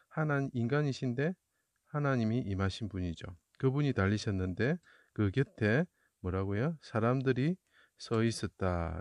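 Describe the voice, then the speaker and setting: A man's voice: lowish voice, a little mellow, no echo. A man explaining Bible verses through Chinese characters, asking rhetorical questions and then answering them. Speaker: Bible teacher.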